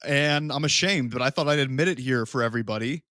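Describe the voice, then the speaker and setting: A man's voice: mid-range voice, quick pace, pushed and bright, dry recording, studio quality. A man podcast co-host chatting casually, groaning and sounding hungover. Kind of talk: casual chat.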